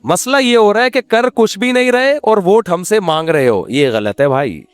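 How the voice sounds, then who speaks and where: A man's voice: high-pitched, expressive, smooth, no echo, soft background music. A man, a religious scholar answering questions with teasing humor, acting out quoted pleas.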